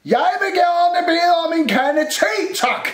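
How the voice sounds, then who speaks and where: A man voicing a small, grumpy male Christmas elf who shouts in a high, irritable voice. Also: very animated. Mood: shouting angrily. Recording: roomy echo.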